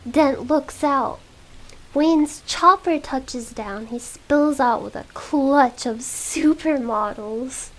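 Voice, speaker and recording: A woman streamer reading a film script in a whispered role-play, with soft, giggly asides, close to the microphone. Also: high-pitched, slow, rough recording. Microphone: close ASMR microphone.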